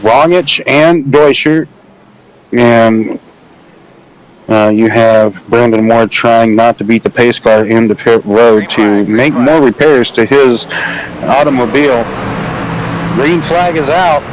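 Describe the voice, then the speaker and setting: A man's voice: medium pitch, slow, a little hiss or hum, poor audio. A man giving casual play-by-play commentary on a simulated truck race, rambling and self-deprecating with jokey asides. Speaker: sim racing commentator. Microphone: home microphone, online call.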